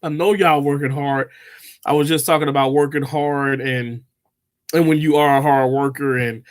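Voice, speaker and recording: Chatting casually with livestream viewers, a Mississippi man in his 30s rambles along, full of fillers and restarts. His voice is fairly high, with fairly even intonation, and he talks at a normal speed.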